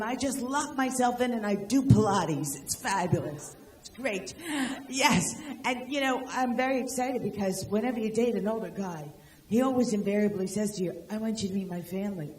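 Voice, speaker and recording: An older woman works the room in a stand-up set, brash and quick with her jokes as she teases the crowd. Her voice carries through a roomy, echoing space, with a faint hum in the background. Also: a little high, a little mellow. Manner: brash, rapid-fire jokes and crowd work. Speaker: stand-up comedian. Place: live venue with audience.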